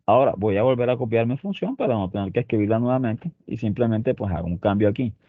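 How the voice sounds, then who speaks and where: A man teaches a spreadsheet lesson, explaining each step and stopping often to check that his students are following. His voice sits on the low side. The sound is tinny and dry, like a phone line with no room around it. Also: expressive, quick pace, no room sound. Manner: explains step by step, with frequent "¿ok?" and "muchachos" check-ins. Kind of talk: spreadsheet tutorial.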